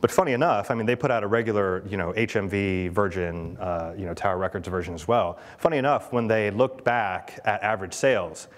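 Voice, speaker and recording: A man with a lowish voice gives a conference keynote in a large hall with long reverb, talking fairly quickly with hardly any pauses. His delivery is chatty and full of fillers, and he often checks in with the audience by asking them questions.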